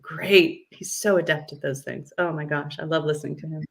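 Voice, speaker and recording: A woman's voice: sits low, fairly even intonation, a little fast, gravelly. A middle-aged woman who works as a voice and dialect coach, answering interview questions in an enthusiastic, articulate and explanatory way.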